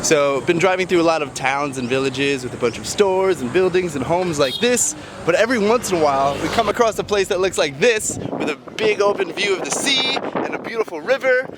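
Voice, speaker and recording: A man's voice: high voice, lively intonation, a little fast, few pauses, noisy background. A young man chatting casually to camera as he tours an island, talking straight to his viewers. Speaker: travel vlogger. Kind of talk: casual travel vlog to camera. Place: outdoors on a tropical island. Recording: outdoor camera audio with background music and crowd.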